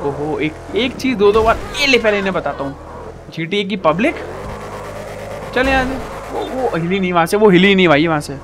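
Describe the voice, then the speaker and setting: An excitable man narrates his gameplay live, shouting at the screen and joking with viewers. His voice sits high and leaps up and down constantly. Car and game sounds run clearly behind him. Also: normal speed, background noise. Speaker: gaming YouTuber.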